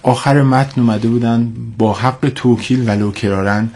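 A man's mid-range, slightly mellow voice carries the congestion of a cold. Appearing as an expert guest on a radio interview, he talks formally and with hesitation, going back over points for emphasis.

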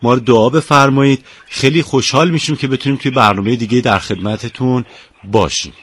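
A man's voice: medium pitch, a bit bright, a little hiss or hum. A man hosting a radio interview, chatting in a friendly, complimentary way with his guest. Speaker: radio host.

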